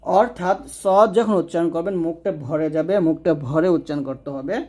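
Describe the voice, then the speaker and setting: A Quran recitation teacher walks a learner patiently through letter sounds, saying each one slowly and repeating it to be imitated. His voice is slightly high for a man and mellow.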